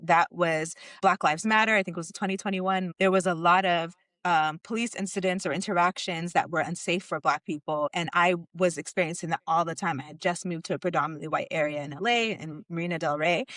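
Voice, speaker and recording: A woman's voice: fairly low pitch, no room sound. Candid woman telling a story, dry sound. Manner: candid, animated storyteller with frequent "like" fillers. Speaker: podcast co-host. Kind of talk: casual conversational storytelling.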